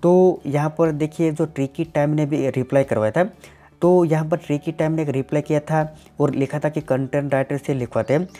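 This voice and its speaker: On his tech channel, a man originally from Gujarat, India, with Gujarati as his native language, answers viewers plainly, frequently using "definitely" and "simply." His voice is on the high side, mellow and steady, and a little fast.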